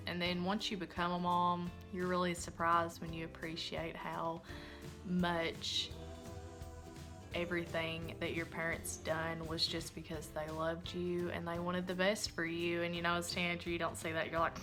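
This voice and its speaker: A woman's voice: fairly low pitch, level tone, moderate pace, over music. A young woman, a mom vlogger, talking in a casual, earnest and heartfelt way while answering questions. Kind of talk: casual Q&A vlog talk.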